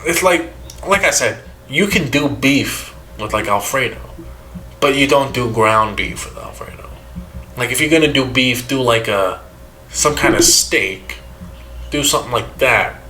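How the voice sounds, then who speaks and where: Bright-voiced young man, cussing banter. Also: mid-range voice, measured pace. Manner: profane, animated storytelling with mock voices. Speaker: podcast co-host. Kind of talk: casual chat. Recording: faint background noise.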